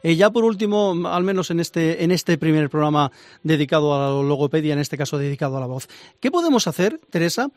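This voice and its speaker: A man hosts a radio interview on a close studio microphone. His voice sits slightly high and sounds dry, with no room around it. He asks his questions courteously and keeps them lively. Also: a little fast, dry recording. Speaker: radio host.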